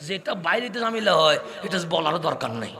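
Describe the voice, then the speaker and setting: A man from Chittagong with a Chittagonian Bengali accent preaching a waz sermon, speaking fast and rising into impassioned shouting with rhetorical questions to the crowd. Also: a little high, big pitch swings. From Chittagong, Bangladesh. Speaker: Islamic preacher.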